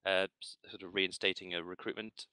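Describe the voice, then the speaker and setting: Low, bright-toned man with halting speech. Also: little pitch movement, clean tone, no echo, rough recording. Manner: halting, many restarts. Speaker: clan roster officer. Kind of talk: casual voice-chat meeting.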